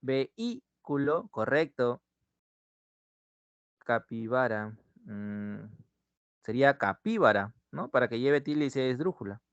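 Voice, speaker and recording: A man's voice: medium pitch, fairly even intonation, clear, resonant tone, dry recording. A man teaching an online language class with a Peruvian Spanish accent, drawing out his words and checking in with the students as he goes. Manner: drawn-out teacher's delivery, checks in with "¿no?" and "ujú". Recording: dull muffled sound, dry close mic.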